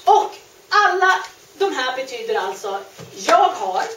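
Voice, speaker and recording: A woman teaching French grammar, explaining patiently and repeating each word slowly. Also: high voice, sing-song, a bit bright, slight background noise. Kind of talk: grammar lesson. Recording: echoey room, mic at a distance.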